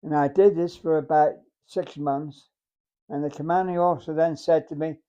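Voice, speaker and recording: Centenarian male veteran. Soft-edged mellow tone, slightly high for a man, deliberate storytelling, muffled recording. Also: fairly even intonation, clear, resonant tone. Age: 100. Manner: halting, deliberate, acts out remembered dialogue. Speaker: war veteran. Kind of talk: unscripted reminiscence, storytelling.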